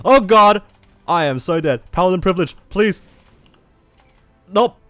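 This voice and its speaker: A game streamer, a man who is not a native English speaker, shouting in panic so loudly that his mic clips and distorts. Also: high voice, measured pace, dry recording, faint music behind. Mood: panicked. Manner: excitable, shouts in panic during close calls. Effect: mic clipping and distorting from shouting. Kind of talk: live gameplay commentary.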